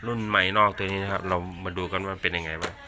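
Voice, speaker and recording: Man, lowish pitch, very sharp forceful tone, casual unboxing presenter, halting with repeated words. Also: flat delivery. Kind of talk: casual hands-on product demonstration.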